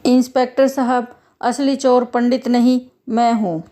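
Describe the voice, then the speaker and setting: Woman doing a calm god in disguise, firm and steady, mellow voice. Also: a little high, measured pace, natural voice. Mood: stern. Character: calm divine monkey-god in a man's guise.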